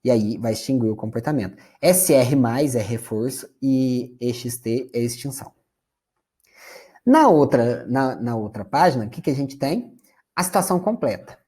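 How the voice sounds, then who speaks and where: Brazilian male lecturer, mellow and slightly husky, chatty classroom delivery. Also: mid-range voice, animated, moderate pace. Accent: Brazilian Portuguese. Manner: conversational, addresses audience as "gente".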